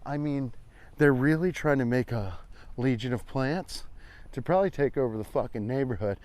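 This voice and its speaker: Expressive and a little mellow, a mid-range male voice moves at a moderate pace. He's an American in his forties hosting a comedic, rambling walking vlog on an outdoor trail, talking casually and irreverently and cursing freely.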